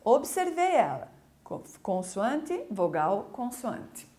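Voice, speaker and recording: Brazilian woman teacher, recorded video lesson, fairly high voice, coaxing and lively, unhurried. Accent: Brazilian Portuguese. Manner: lively, coaxing, slow deliberate explanations. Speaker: English teacher.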